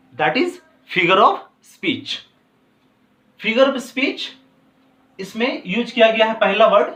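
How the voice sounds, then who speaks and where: A male teacher, explaining a poem to a class, who switches between slowly drawn-out English and quicker Hindi. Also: high-pitched, sharp tone, far from the mic, highs cut off. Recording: roomy, from off the mic.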